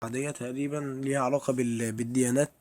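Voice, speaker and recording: Racing along in a flat, darkish mid-range voice, a young man with an Egyptian Arabic accent narrates his horror gameplay for viewers. He's chatty, talks straight to his audience, and is quick to get spooked, with slight background noise behind him.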